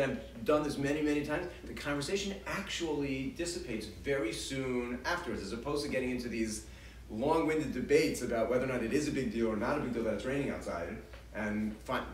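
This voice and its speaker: A man's voice: medium pitch, expressive, fairly quick, a little hiss or hum. Man lecturing in a roomy hall. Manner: conversational, acts out parent and child quotes, frequent restarts. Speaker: parenting class presenter. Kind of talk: informal lecture to a group. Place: congregation hall. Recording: roomy hall, distant mic, faint ambience.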